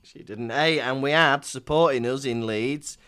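A man's voice: mid-range voice, a little slow, a bit bright, smooth, dry recording, studio quality. A man co-hosting a comic podcast, recapping a book chapter with casual swearing and jokes. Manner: swears casually, jokey, drops fillers. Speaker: podcast co-host.

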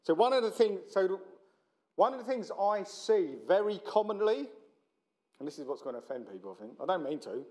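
A man's voice: sits high, big pitch swings, a little fast, a little mellow. A middle-aged man with a South London accent preaching in a chatty, joking, blokey and self-deprecating way, as a visiting speaker. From South London, England. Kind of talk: informal sermon to a church meeting.

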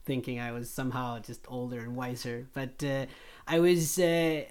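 A man's voice: medium pitch, steady tone, normal speed, a little mellow, clean tone. Earnest man recalling his story. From Chile. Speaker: missionary guest. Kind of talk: casual faith conversation.

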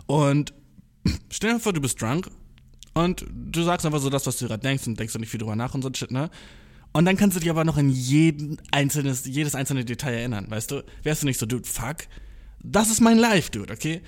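Speaking fairly quickly in a mid-range voice, a young man relates a story in an offhand monologue laced with slang, swearing, and English words. He's eager and self-mocking, frequently stumbling as he talks.

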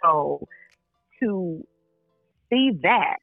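A woman's voice: on the low side, lively intonation, drawn-out words, creaky, no room sound, faint music behind. Woman singer over a tinny phone line. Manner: earnest, enthusiastic. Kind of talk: interview guest.

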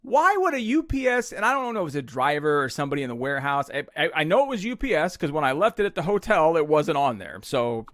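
A man's voice: a little high, big pitch swings, fast, few pauses, a bit bright, dry recording, studio quality. A man hosting a podcast, telling a frustrated story in casual chat and acting out what others said. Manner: exasperated ranting storyteller, acts out quotes. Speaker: podcast host.

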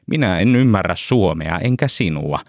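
A man voicing a gruff, hostile male gate guard who talks curtly and with scorn, a bit lower and quieter than his narration. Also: animated, dry recording, studio quality. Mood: scornful. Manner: curt, scornful.

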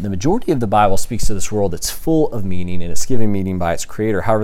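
A young man from Texas gives a classroom lecture in a casual manner, thinking aloud, restarting, and asking his students questions. His voice is on the low side and warm.

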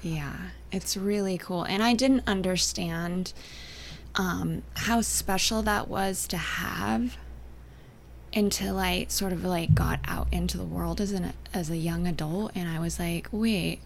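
A young adult woman from Canada and Northern California, chatting as an interview guest, soft-spoken and often trailing off into near-whispers. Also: on the low side, slow pace, vocal fry, a little hiss or hum. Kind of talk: casual interview chat.

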